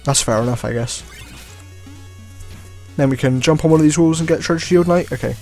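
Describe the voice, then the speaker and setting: A man's voice: a little high, brisk. Easygoing man narrating his gameplay. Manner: relaxed, chuckling, trailing "I guess". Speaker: let's play host. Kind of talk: gameplay commentary. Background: faint game music.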